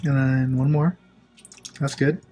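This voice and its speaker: A man's voice: medium pitch, level tone, takes it slowly, warm tone, a little hiss or hum. A man hosting a casual cooking demonstration, giving laid-back, chatty instructions with joking asides. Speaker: cooking show host. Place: kitchen, at the stove and counter.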